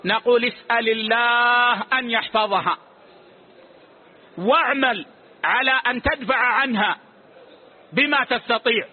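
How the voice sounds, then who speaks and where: Very high-voiced male religious teacher. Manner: measured, authoritative, closes each answer with a short "yes". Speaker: religious scholar answering questions. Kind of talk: religious lesson with questions and answers. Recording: tinny phone-like lo-fi recording.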